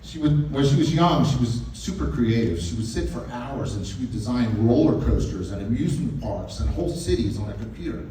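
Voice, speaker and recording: A man's voice: mid-range voice, animated, fairly quick, few pauses, warm tone. An older man giving a father of the bride speech in a folksy, wry and sentimental way. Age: 50s or older. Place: large echoing event room at a wedding reception. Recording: echoey, noisy room, distant mic.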